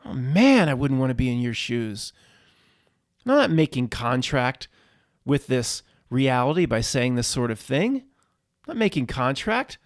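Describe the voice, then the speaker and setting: A man hosting his own channel, delivering a fervent spiritual rant that swears at unseen rulers, with halting restarts and repeated words. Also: medium pitch, very animated, no room sound, clean studio sound. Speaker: channel host. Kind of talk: ranting spiritual monologue.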